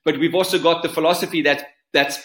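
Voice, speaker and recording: A man with a South African accent, a surf coach being interviewed, talking in an animated, emphatic way and repeating phrases for effect. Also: fairly high pitch, fast, reverberant. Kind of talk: podcast interview.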